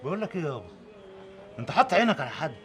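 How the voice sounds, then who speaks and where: A man's voice: on the high side, big pitch swings, rapid-fire, a little hiss or hum. A man acting a grown Egyptian son arguing with his father in a TV drama, agitated and pleading. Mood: probing.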